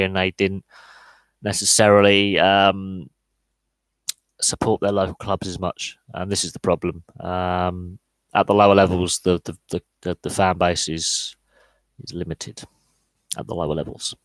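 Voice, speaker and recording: This podcast host's voice sits low, and the recording is rough but echo-free. Hosting a live Q&A, he talks through his opinions and answers chat as it comes in, using many fillers, repeated words, and restarts.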